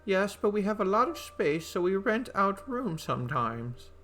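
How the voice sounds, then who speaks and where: A man's voice: high-pitched, sing-song, moderate pace, bright, forceful tone, pitched above the performer's own voice, heavily acted. A man voicing a chatty, fussing elderly housewife in a game. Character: fussy elderly housewife, hospitable.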